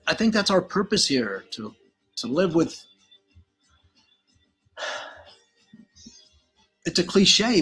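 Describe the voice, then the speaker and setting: A man's voice: on the high side, a bit bright, slightly rough. An older man from Galicia, Spain, hosting a casual, rambling slideshow commentary, opinionated and laid-back. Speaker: channel host.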